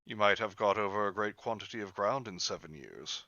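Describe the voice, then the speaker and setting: A man's voice: fairly low pitch, animated, a little fast, bright, forceful tone, no echo, lo-fi sound. A man voicing an old miserly businessman, asking hesitant, subdued questions in an amateur reading.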